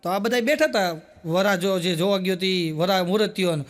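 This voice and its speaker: Male stand-up joke teller, very high register, storytelling style that laughs at its own jokes. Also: normal speed, faint music behind. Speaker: comedian.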